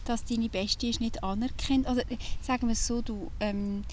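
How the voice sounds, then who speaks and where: A woman's voice: on the high side, fairly even intonation, normal speed, a little mellow, a little hiss or hum. A woman with a Swiss German accent hosting a podcast, talking casually and vividly from inside an old camper van, often restarting her sentences as she searches for words. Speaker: podcast host. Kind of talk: casual chat.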